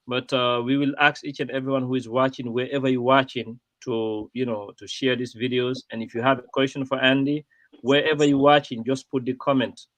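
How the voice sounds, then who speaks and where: Halting, dry-sounding man hosting a stream. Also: medium pitch, no echo. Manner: rambling, halting with many fillers. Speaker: host of a live-streamed show. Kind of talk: casual live-stream hosting.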